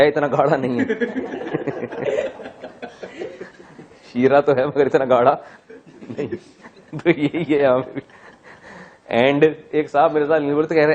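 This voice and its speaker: A man teaching a Quran class, explaining Arabic grammar with drawn-out recitation of words and joking asides. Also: medium pitch, darkish tone. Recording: dull, muffled lecture recording.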